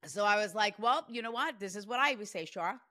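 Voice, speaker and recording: A woman's voice: medium pitch, fast talker, dry recording, studio quality. A woman in her forties working as a psychic medium, talking chattily with lots of "like" through a reading. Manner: chatty, animated, peppered with "like". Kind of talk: spirit reading session.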